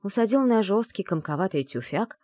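A woman reading a first-person novel aloud in measured storytelling narration. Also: medium pitch, expressive, dark tone, no room sound, clean studio sound. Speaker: audiobook reader. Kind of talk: scripted narration.

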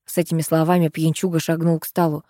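A woman narrating a comic first-person audiobook in a lively, dramatic manner. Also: low voice, quick pace, no room sound, studio quality.

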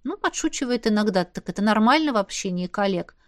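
A woman narrating a novel in the first person with a steady, expressive delivery. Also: medium pitch, quick pace, dry recording, clean studio sound. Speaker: audiobook reader.

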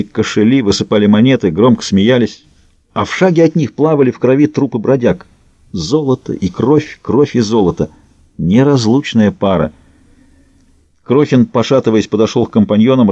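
A man reading an audiobook in a measured narration style. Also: on the low side, dark tone, no room sound. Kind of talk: scripted narration. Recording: dull lo-fi dry audio.

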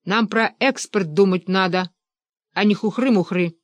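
A man's voice: sits high, measured pace, no room sound. A woman voicing a self-important male minister who declares his views in a storybook reading. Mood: pompous. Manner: pompous, declaiming.

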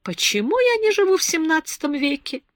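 A woman's voice: high voice, a little fast, no room sound, clean studio sound, voice pushed up. Woman voicing a capricious sleepy young woman. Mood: dreamy. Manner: whimsical, dreamy, lively. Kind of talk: audiobook character reading.

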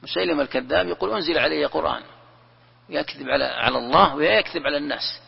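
A man's voice: fairly high pitch, fast talker, gravelly, slightly rough. A man teaching a religious lesson, explaining in a conversational way and asking and answering his own questions. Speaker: sheikh teaching Quran commentary. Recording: lo-fi recording with long reverb.

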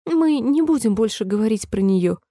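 A woman's voice: fairly high pitch, animated, moderate pace, warm tone, dry recording, clean studio sound. Woman doing a polite chatty little girl. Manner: eager and apologetic.

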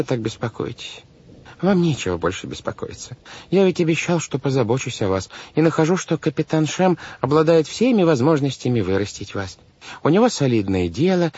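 A man's voice: medium pitch, a little mellow, breathy edge, voice pushed up. A man reading an audiobook, voicing a fussy, well-meaning guardian who frets over the children. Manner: fussy, fretful, raised voice. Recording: dull lo-fi audiobook recording.

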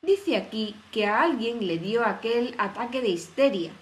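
A woman's voice: on the high side, expressive, moderate pace, lightly acted. A woman voicing a pompous, self-satisfied fairy-tale king who is pleased with his own jokes, in a children's audio story. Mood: triumphant.

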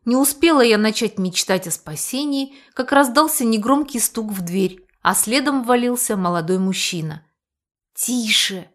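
A woman narrating a first-person audiobook in a lively, wry, conversational way. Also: fairly high pitch, moderate pace, hardly any pauses.

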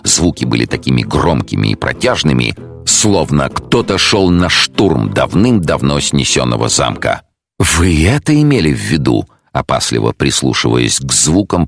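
Very deep, gravelly male narrator. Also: dry recording, clean studio sound, faint music behind. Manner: unhurried, expressive storytelling. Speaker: audiobook narrator. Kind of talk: scripted narration.

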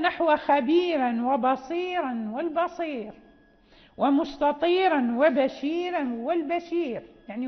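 A woman lectures on recitation rules in a high, clear-pitched voice and stops often on fillers. She slows down when she recites verse quotations. The audio is dull and lo-fi, with a long hall reverb trailing each phrase. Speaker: teacher of Quran readings and tajweed.

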